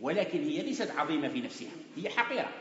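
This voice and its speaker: Male religious teacher, crisp bright tone, explaining step by step, dull lo-fi recording. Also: a little high, very animated, rapid-fire. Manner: patient explaining, repeats points with everyday examples. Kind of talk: Quran commentary lesson. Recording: echoey hall, dull lo-fi sound.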